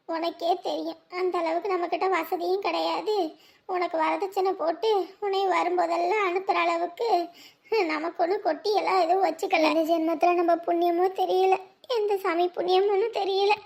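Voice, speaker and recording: A woman's voice: very high-pitched, vocal fry. A woman playing a worried middle-aged village mother, pleading and lamenting in a family drama. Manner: pleading, scolding, sighing lament.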